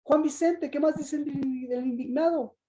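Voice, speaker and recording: A woman's voice: high voice, moderate pace, dark tone, rough recording. A woman preacher giving an interactive sermon, asking the congregation questions over and over and acting out the voices she quotes. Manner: asks the congregation repeated questions; acts out quoted voices with rising emphasis.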